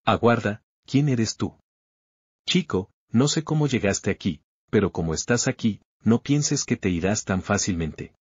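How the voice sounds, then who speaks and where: A man's voice: on the low side, lively intonation, unhurried, slightly rough, dry recording. A man voicing an arrogant young bully who sneers and demands revenge. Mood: sneering. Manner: sneering and vengeful. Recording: slightly dull lo-fi recording.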